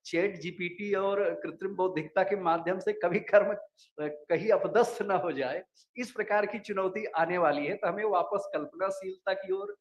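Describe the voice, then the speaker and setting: Man, high voice, formal panel speaker, ornate delivery, echoey hall. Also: normal speed, lo-fi sound. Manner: elevated, Sanskritized oratory. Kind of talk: formal literary speech. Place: festival hall.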